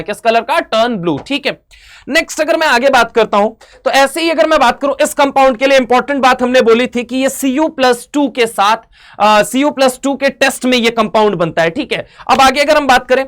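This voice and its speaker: A man with an Indian accent teaches chemistry for exam prep in a high, energetic voice. He keeps asking and answering his own questions and drops English terms into his speech. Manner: mixes Hindi with English terms, uses mnemonics and jokes.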